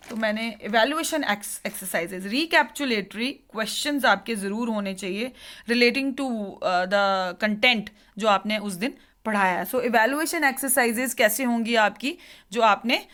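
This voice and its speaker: Woman, teacher educator, lecture, code-switching Hindi-English, fairly high pitch. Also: a bit bright. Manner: mixes Hindi and English, explanatory, with pauses. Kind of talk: classroom lecture.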